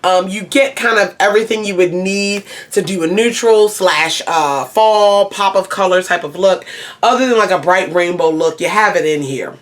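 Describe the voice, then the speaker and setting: A woman's voice: fairly low pitch, normal speed. A woman giving a casual makeup review to camera, rambling and often doubling back to repeat herself. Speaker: beauty reviewer.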